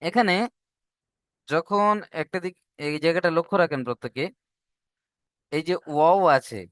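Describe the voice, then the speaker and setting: Male Quran-reading tutor, patient and repetitive. Clear, slightly high voice on a dry close mic. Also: a bit bright, dry recording. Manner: patient, drills syllables slowly and repeats. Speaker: Arabic reading teacher. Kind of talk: online class instruction.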